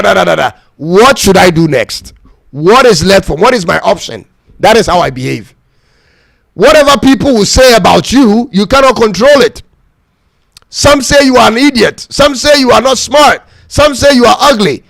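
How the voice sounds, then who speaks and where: A man hosts a casual live-stream talk show, musing and chatting with his audience in a reflective, talkative way and calling them "ladies and gentlemen." His voice is high-pitched with vocal fry. There's no echo.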